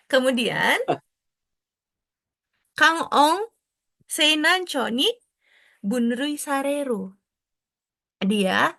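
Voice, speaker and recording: Slow, gravelly-voiced woman tutor. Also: a little high, no echo, studio quality. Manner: explains step by step, drops in foreign technical terms and glosses them; frequent tag questions and soft checking fillers. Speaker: exam prep tutor. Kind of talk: explanatory online lesson.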